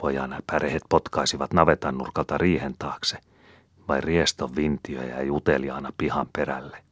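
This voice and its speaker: A man reading a book aloud as an audiobook narrator, steady and measured. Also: extremely low pitch, no echo, studio quality. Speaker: audiobook reader. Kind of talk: scripted narration.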